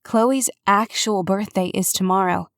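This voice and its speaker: A woman's voice: mid-range voice, a little slow, no room sound, close to an everyday voice. Eager young woman sleuth, voiced by a woman narrator, dry booth sound. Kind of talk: audiobook character voice.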